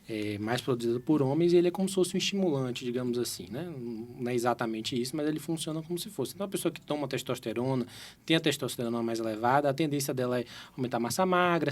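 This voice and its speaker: A man in his thirties from Salvador, a cardiologist guest, explaining carefully in an interview with frequent tag questions. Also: medium pitch. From Salvador, Brazil. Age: 30s.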